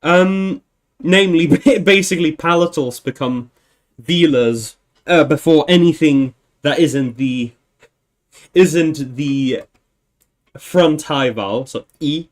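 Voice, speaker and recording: Slow, rambling man thinking aloud. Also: on the high side. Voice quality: meandering, self-correcting, chuckling. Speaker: livestream host. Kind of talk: casual thinking-aloud livestream.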